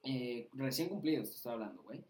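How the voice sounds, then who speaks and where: A man's voice: mid-range voice, quick pace. A young man with a Mexican Spanish accent, a podcast guest telling a story in a casual, slangy way with lots of swearing. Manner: slangy, swearing, animated anecdote with acted quotes. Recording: roomy echo.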